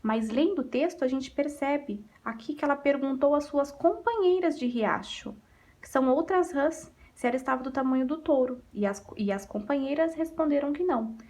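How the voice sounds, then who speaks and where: A Brazilian woman teaching young pupils in a recorded lesson, going through exercises one by one. Her voice sits a little high, and she talks patiently, posing questions and answering them herself. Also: moderate pace, darkish tone. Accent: Brazilian Portuguese. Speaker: primary school teacher.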